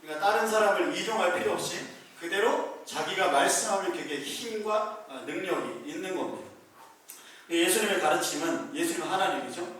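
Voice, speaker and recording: A man with a fairly high voice preaches in a relaxed, talky way, acting out the scenes as he goes. The room is very echoey, and he sounds some way from the mic, with faint noise underneath. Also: a little fast, distant mic. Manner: lively storytelling, acting out scenes. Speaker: pastor. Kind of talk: conversational sermon. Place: small church room.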